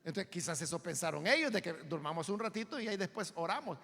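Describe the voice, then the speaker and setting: A man's voice: high voice, animated, fast, vocal fry, sharp tone, in a large hall. A Salvadoran pastor teaching a Bible study sermon in a church. He explains emphatically and often asks listeners to agree. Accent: Salvadoran Spanish.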